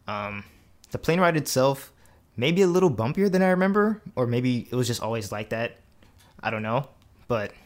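Young man chatting easily in an interview. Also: medium pitch. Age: young adult. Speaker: interview guest. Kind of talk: casual interview.

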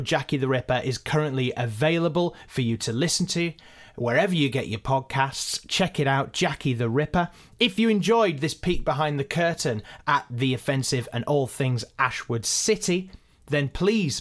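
A podcast co-creator answers listener questions in a casual behind-the-scenes Q and A, chatty and self-deprecating. His voice sits fairly high and sounds a bit bright.

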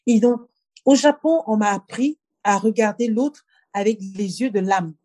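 A Cameroonian-born woman who recites her own poem in a steady rhythm, then talks earnestly and reflectively, often pausing to find her words. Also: medium pitch, no echo. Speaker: poet and guest. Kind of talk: poetry reading then conversation.

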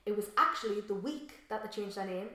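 A woman co-hosting a casual podcast chat, enthusiastic and quick to gasp and laugh. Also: mid-range voice, pushed and bright. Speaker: podcast co-host. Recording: very echoey room.

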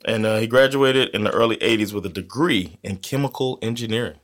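A man's voice: on the low side, a little fast, a bit bright. A man with an American accent, co-hosting a podcast and telling a story in casual, joking chat, laughing often. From United States. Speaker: podcast co-host.

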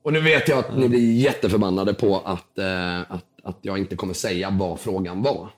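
Slightly hoarse man telling a lively story. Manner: lively storytelling, acts out quotes with big jumps in pitch. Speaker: guest storyteller. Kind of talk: animated anecdote on a podcast.

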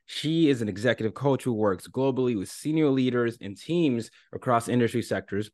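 A man's voice: mid-range voice, moderate pace, a little mellow, dry recording, clean studio sound. A man hosting a podcast who introduces his guest and asks eager questions, often restarting his sentences. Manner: laughs easily, eager, stumbling restarts. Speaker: podcast host. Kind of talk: podcast interview.

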